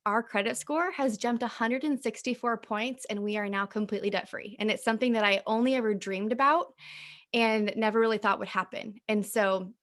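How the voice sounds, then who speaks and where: A woman with a fairly high voice gives a cheerful recruiting talk about her network marketing business. She speaks in a chatty, casual way, full of "like" and "um", and smiles through her words. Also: brisk, fairly bright tone. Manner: upbeat, smiling while talking; chatty, uses filler "like" and "um".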